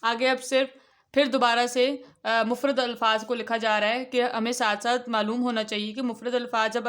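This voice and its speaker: A woman with a fairly high voice leads a children's Quran reading lesson. She explains each point patiently and draws out the letter names when she recites them. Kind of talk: instructional lesson.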